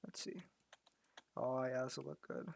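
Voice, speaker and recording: A man chatting casually as he works, talking through each step aloud. He is losing his voice, so it comes out a little worn. He stumbles and repeats words often, at a middling pitch. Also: little pitch movement, unhurried, gravelly, a little hiss or hum. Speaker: graphic artist. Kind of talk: casual commentary while working.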